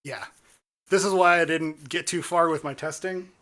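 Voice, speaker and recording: A woman's voice: low-pitched, moderate pace, a bit bright. A woman streamer chatting casually while playing a game. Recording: game music behind the voice.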